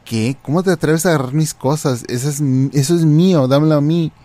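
A man's voice: moderate pace, a little mellow, no room sound, close to an everyday voice. A man with a Mexican accent voicing a rude, demanding woman shopper who scolds and orders people around. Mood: outraged. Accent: Mexican Spanish. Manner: bossy, shrill and scolding.

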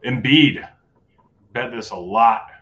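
A man's voice: mid-range voice, sharp tone, dull audio. A man hosting a live sports betting show, chatting casually and running through his picks. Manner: casual, joking, quick rundown of picks. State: voice going hoarse.

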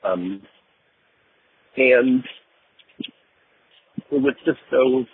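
A man's voice: mid-range voice, extremely slow. A man leaving a hesitant voicemail over the phone, full of ums and uhs. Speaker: caller. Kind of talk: recorded voicemail story. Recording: tinny phone line with faint noise.

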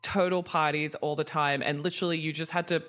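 This podcast guest, a writer and entertainment executive who grew up in Hong Kong and is Australian, has a deep, slightly bright voice. Her intonation stays fairly even, she talks a little fast, and her manner is informal, candid and chatty.

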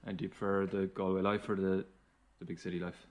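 Male podcast host, lowish voice, informal conversational interviewing. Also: level tone, fast, darkish tone. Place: inside a city bar.

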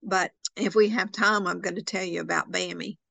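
A woman's voice: lowish voice, fairly even intonation, normal speed, vocal fry, fairly bright tone, no room sound. A woman with an Arkansas Southern accent, telling stories conversationally and emphatically as an author being interviewed. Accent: Arkansas Southern American. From Arkansas, United States. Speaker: author interviewed about a book.

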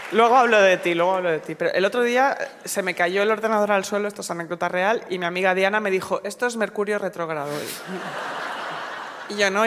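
A woman's voice: medium pitch, a little hiss or hum. A young woman from co-hosting a podcast, ranting sarcastically and laughing often in casual chat. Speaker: podcast co-host. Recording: long hall reverb.

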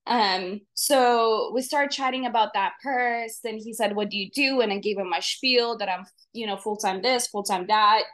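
A woman's voice: on the high side, moderate pace, hardly any pauses, fairly bright tone. A young woman with a Russian accent, telling a personal story in a chatty, detailed, conversational way as a podcast guest. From from Russia or nearby Europe, moved to the United States.

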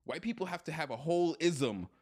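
A man co-hosting a podcast in casual chat, blunt, profane and animated, joking as he goes. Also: fairly high pitch, a little fast. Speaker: podcast co-host.

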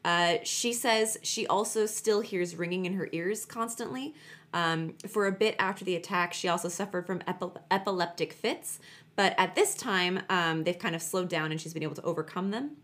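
A woman's voice: fairly low pitch, normal speed, fairly bright tone. A woman co-hosting a podcast, telling true crime stories in a chatty, emphatic way and repeating words for stress. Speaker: podcast co-host.

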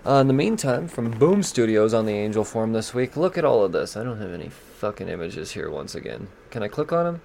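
A man's voice: fairly low pitch, sing-song, brisk, gravelly, hardly any pauses, a little mellow, slight background noise. A man hosting a comics podcast, going over new releases in casual, profane, joking talk and stumbling as he reads blurbs aloud.

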